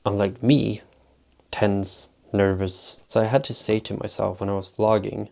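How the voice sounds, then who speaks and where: Gravelly low-voiced vlogger man. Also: level tone, a little slow, darkish tone. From Sweden. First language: Swedish. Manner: rambling, filler-heavy with constant "like". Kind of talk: casual vlog talk.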